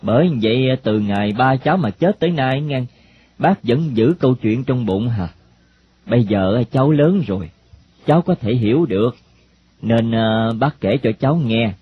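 Man voicing a measured friendly stranger, mid pitch, muffled lo-fi recording, faint hiss. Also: lively intonation, close to an everyday voice. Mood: confiding. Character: middle-aged male stranger, calm and friendly.

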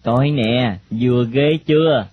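A man voicing a quick, bossy street boy, in a storybook reading. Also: medium pitch, natural voice. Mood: coaxing. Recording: dull lo-fi recording, faint hiss.

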